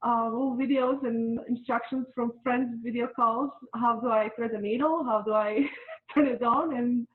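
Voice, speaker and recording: A woman's voice: a little high, steady tone, moderate pace. A middle-aged woman from Bosnia and Herzegovina, interviewed as a guest, speaking hesitantly with many fillers and restarts. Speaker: interview guest, volunteer mask maker. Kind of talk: casual interview. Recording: tinny phone-like line.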